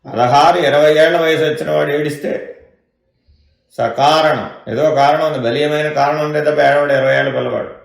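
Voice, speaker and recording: Male spiritual teacher, slightly high, gravelly voice, quizzing his listeners through a discourse in an echoey room. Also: fairly even intonation, a little fast. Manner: keeps asking listeners rhetorical questions. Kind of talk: question-and-answer spiritual discourse.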